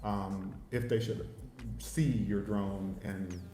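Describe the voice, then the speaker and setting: A man, a father and host, chatting casually in a measured, halting way with frequent pauses. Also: deep voice, flat delivery, dark tone. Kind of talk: casual livestream chat. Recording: roomy echo, faint noise.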